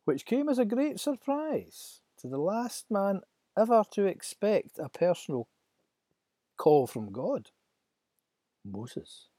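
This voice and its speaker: A man narrating a scripted Bible story with dramatic, expressive delivery and a husky voice. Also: high voice, slow, pauses often, no echo.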